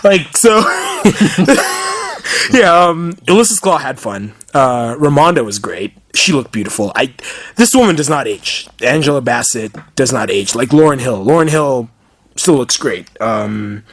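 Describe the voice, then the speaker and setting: A man co-hosting a casual movie review podcast, excitable, laughing often and restarting his sentences. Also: mid-range voice, unhurried. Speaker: podcast co-host.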